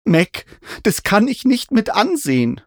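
A man reading an audiobook, voicing an excitable young male dragon rider who pleads in an agitated, raised voice. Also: sits high, normal speed, no echo, clean studio sound, pitched above the performer's own voice. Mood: agitated pleading. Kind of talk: audiobook character voice.

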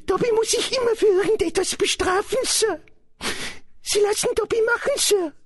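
A man reading a storybook aloud and voicing a small, servile, anxious male house-elf in a squeaky high falsetto. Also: moderate pace. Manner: servile, frantic, calls everyone sir. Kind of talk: audiobook reading.

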